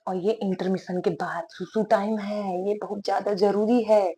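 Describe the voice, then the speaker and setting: A woman's voice: medium pitch, fairly even intonation, measured pace, warm tone, slightly rough. A young woman talks through her night out in a chatty vlog voice-over. She jokes at her own expense and drops teasing asides, keeping it light and playful the whole way through. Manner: playful, self-mocking, jokey asides. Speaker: vlogger.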